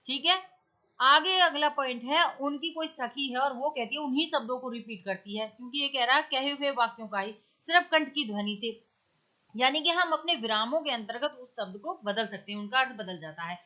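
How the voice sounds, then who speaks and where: Woman teacher, bright and fairly high voice, patient step-by-step exam explainer. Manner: explains step by step, recites verse slowly. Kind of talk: exam-prep grammar lesson.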